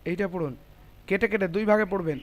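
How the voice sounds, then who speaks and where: A man's voice: sits high, fast talker, slight background noise. A man teaching Quran recitation in an online class, explaining the rules step by step and patiently correcting his students.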